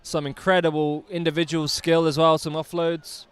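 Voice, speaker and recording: A man's voice: a little high, flat delivery, normal speed, clear, resonant tone. A man doing live rugby commentary outdoors, chatty and enthusiastic with jokey asides.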